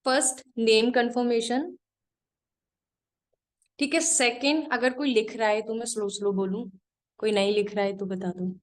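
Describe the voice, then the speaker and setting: A woman trainer teaching a live online class, giving direct instructions and repeating her points slowly so students can write them down. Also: on the high side, steady tone.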